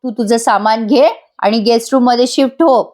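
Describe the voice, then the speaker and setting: Lady reading a mom, soothing her daughter but firm with others, highish voice. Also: steady tone, normal speed, a little mellow, natural voice. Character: caring firm middle-aged mother.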